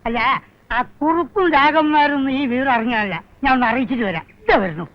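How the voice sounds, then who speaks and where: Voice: high voice, sing-song, a little fast, noisy background. A meddling village gossip. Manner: gossipy, scandalized, self-righteous. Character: meddling busybody villager spreading scandal. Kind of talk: film comedy acting. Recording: dull lo-fi old film sound.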